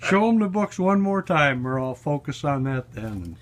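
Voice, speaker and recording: A man's voice: fairly high pitch, big pitch swings, normal speed. A man off camera calling out prompts to the storyteller, asking him to tell a story and show the books.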